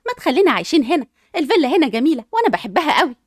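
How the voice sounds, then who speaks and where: A cheerful, doting mother with an Egyptian accent and a high, sing-song voice that bounces all over, voiced by a woman. She rattles her lines off quickly in a dry, close recording. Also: very animated, no room sound.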